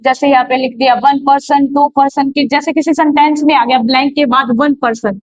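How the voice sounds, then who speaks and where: High-voiced woman teaching grammar. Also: steady tone, brisk, no room sound. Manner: explains step by step, with many rhetorical questions. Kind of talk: classroom lecture. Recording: dull, slightly lo-fi, dry sound.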